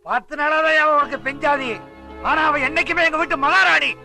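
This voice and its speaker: A man's voice: very high voice, steady tone, normal speed, gravelly, bright, forceful tone, faint music behind, exaggerated voice. An actor playing an angry in-law who berates his son-in-law in a Tamil film. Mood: furious. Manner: scolding, insulting.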